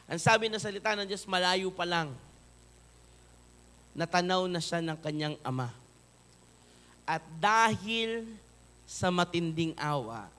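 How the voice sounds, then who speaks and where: A male pastor with a Filipino accent preaching a sermon, moving between loud emphatic peaks and soft, low pleading.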